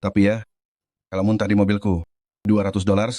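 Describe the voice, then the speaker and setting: An actor playing a blunt, deadpan male taxi driver in a drama. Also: fairly low pitch, a little fast, no echo, natural voice.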